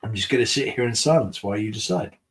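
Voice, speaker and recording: A man's voice: fairly low pitch, fast. A man hosting a casual beer review live stream, chatting with viewers about their comments in a rambling, mumbling way. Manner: rambling and mumbling, self-mocking. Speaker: beer reviewer and channel host.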